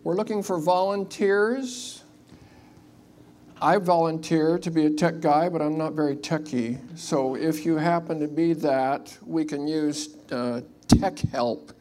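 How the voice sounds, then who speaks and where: Church service leader, middle pitch, slow delivery, informal announcements and prayer, faint room noise behind. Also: steady tone, darkish tone. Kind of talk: announcements and spoken prayer to a congregation.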